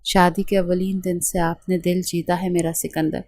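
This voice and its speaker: A woman voicing a soft-hearted young bride declaring her love for her husband in a storybook reading. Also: on the low side, little pitch movement, no echo, natural voice. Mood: adoring. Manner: adoring, soft.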